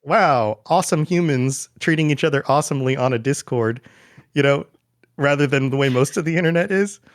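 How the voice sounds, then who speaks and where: A man chatting casually as a podcast guest, relaxed and talkative, often slipping into quoted asides. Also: on the high side, a little fast. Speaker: guest, podcast network founder. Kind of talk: casual interview chat.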